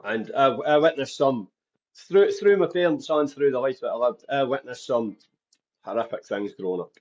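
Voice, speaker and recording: A man's voice: mid-range voice, expressive, normal speed, darkish tone, muffled recording. A man with a Dundee Scottish accent, speaking openly as a podcast guest who tells his life story. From Scotland. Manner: open, candid storytelling.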